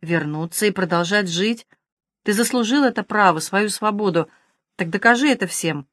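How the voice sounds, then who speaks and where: A woman reader voicing a proud, sharp-tongued young woman who speaks in a cutting, challenging way. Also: mid-range voice, normal speed, no echo, studio quality, close to an everyday voice. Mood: gentle.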